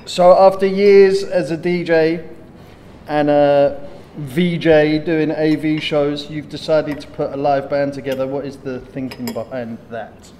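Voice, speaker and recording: A man's voice: on the high side, steady tone, a little slow, warm tone. A man interviewing a guest, asking questions in a friendly, casual way. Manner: friendly, eating while talking. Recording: faint background noise.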